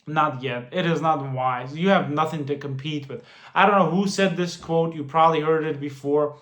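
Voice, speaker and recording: A man's voice: on the high side, normal speed, a bit bright. A man in his late twenties giving casual money advice to the camera, earnest and prone to repeating and restarting phrases. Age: 20s. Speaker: finance vlogger. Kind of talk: casual talking-head advice. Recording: roomy echo.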